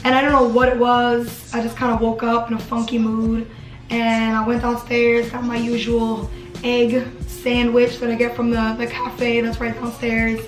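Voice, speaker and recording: Young woman vlogging from her dorm, kinda high flat voice, says "like" a lot, echoey room. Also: moderate pace, faint music behind. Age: 20s. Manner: chatty, lots of "like" fillers. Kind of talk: casual chat.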